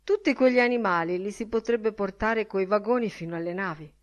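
A woman's voice: medium pitch, a little fast, dull audio, close to an everyday voice. A woman reading a pious, sensible Dublin man. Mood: matter-of-fact. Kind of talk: audiobook character reading.

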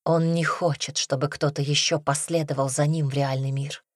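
A woman's voice: deep voice, fairly even intonation, moderate pace, no room sound, studio quality. A woman narrator voicing a weary, grave mother explaining bad news in an audiobook. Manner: grave, sad.

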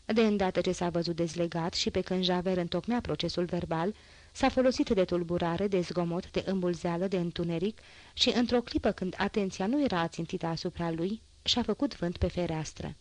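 A woman narrating a classic novel as an audiobook, in a measured literary reading. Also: lowish voice, no echo. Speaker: audiobook reader.

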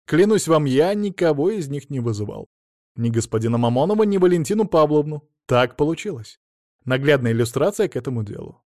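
A man's voice: a little high, expressive, a little fast, a little mellow, no room sound, close to an everyday voice. A man reading an audiobook voices a tired, sarcastic detective who answers with dry irony. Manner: dry, ironic replies. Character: weary sardonic detective, dry wit.

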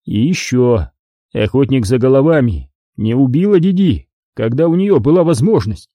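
A man reading an audiobook voices a calm, firm Jedi master in close to his own voice. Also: medium pitch, normal speed, no echo, close to an everyday voice. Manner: firm, businesslike.

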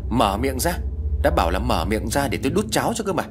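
A man's voice: on the low side, wildly swooping pitch, racing, background noise. A man voicing a cruel, abusive middle-aged woman caretaker who screeches insults in a storybook ghost tale. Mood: shrieking, furious.

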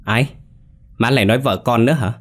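A worried young husband from a spoken ghost story, read by a man. He fires off quick, uneasy questions, a little higher than the narration. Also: natural voice. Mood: anxious.

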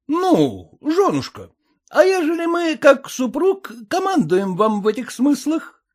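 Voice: sits high, huge pitch swings, unhurried, full character voice. A reader voicing a newly married husband who coaxes and nags his wife in folksy, old-fashioned speech. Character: newly married merchant husband, pushy and coarse.

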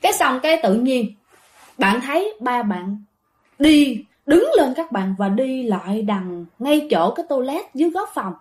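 A woman's voice: high-pitched, very animated, a little slow, darkish tone. A woman telling ghost stories in a chatty way, often addressing her listeners directly. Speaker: ghost story narrator. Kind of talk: storytelling to listeners.

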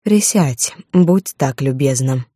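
A woman's voice: very deep voice, expressive, takes it slowly, dark tone, breathy edge, dry recording, clean studio sound, full character voice. A woman voicing a stern, haughty aristocratic viscountess who speaks in a cold, clipped, commanding way. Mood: cool.

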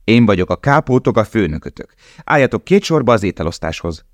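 A man voicing a brutal, scornful prisoner foreman who shouts commands. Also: fairly low pitch, big pitch swings, no room sound, pitched above the performer's own voice. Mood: harsh shouting.

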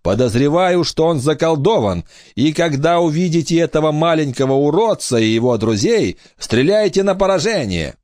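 A man voicing a cruel pirate captain with a high, squeaky voice and a menacing, gloating way of talking. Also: lively intonation, moderate pace, darkish tone, dry recording, studio quality, lightly acted. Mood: commanding.

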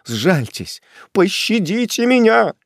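A man voicing a terrified male prisoner, a fallen judge who begs for his life in a shrill, panicky voice. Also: expressive, moderate pace, a little mellow, dry recording, studio quality. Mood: panicked. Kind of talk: audiobook character voice.

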